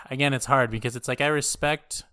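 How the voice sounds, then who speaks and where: Smooth clear voice, podcast cohost, casual halting chat, very dry sound. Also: medium pitch, steady tone, fairly bright tone, no room sound. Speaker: podcast co-host.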